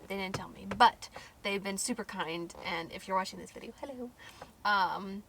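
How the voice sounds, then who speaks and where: A woman's voice: mid-range voice, normal speed, fairly bright tone, slight background noise. A young American woman from Idaho, reading out questions in a casual Q&A and laughing easily. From Idaho, United States. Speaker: co-host asking questions. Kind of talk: casual Q&A chat.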